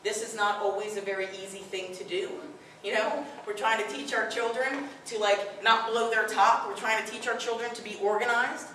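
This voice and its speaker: At a parenting workshop, a middle-aged woman with a powerful, fairly high voice talks to the crowd in a firm, direct, conversational way. Her pitch stays fairly even, her pace is normal, and her tone is bright and forceful. Captured from far off in an echoing room with an audience, the audio carries slight hiss or hum.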